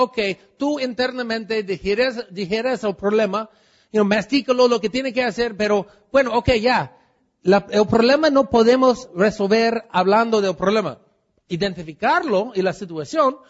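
A man giving a motivational talk to a live audience. He keeps asking the crowd questions and drops English fillers into his talk. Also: high voice. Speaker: motivational speaker at a business meeting. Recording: dull lo-fi recording.

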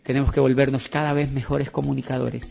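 A man's voice: medium pitch, level tone, fast talker, gravelly, a little mellow, soft background music. A man giving an emphatic motivational talk to an audience, repeating his points and acting out conversations. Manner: emphatic and repetitive, acts out dialogue. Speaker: motivational speaker. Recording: dull lo-fi recording.

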